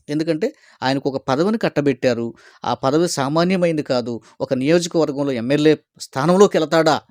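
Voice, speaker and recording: A man, a pastor delivering an argumentative commentary in quick bursts of rhetorical questions. His voice sits fairly high, and the recording is dry and close with no room sound. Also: a little mellow, dry recording. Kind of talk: opinion commentary to camera.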